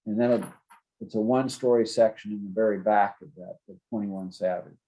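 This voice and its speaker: Very mellow, low-voiced man presenting. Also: fairly even intonation, fairly quick, poor audio. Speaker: city zoning staff presenter. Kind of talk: informal explanatory presentation of maps and photos.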